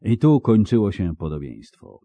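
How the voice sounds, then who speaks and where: A man narrating an audiobook in a steady storytelling delivery. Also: fairly low pitch, moderate pace, no room sound, dull audio. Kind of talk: scripted narration.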